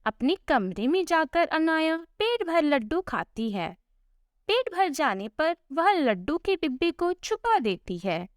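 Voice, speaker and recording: High-voiced, slow female storyteller. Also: sing-song, dry recording, studio quality. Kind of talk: scripted story narration.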